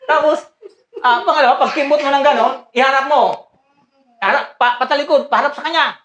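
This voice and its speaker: Woman, slightly high voice, comedic karate teacher, short barked commands, frequent laughter. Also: a little fast, a bit bright, muffled recording. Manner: teasing, barks short commands, laughs often. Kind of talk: playful comedic skit.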